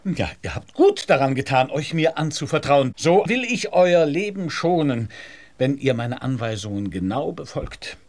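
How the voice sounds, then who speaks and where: An actor playing a humble cobbler posing as an astrologer in a children's radio play, who talks hesitantly and mutters to himself. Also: male voice, on the high side, very animated, moderate pace, a little mellow.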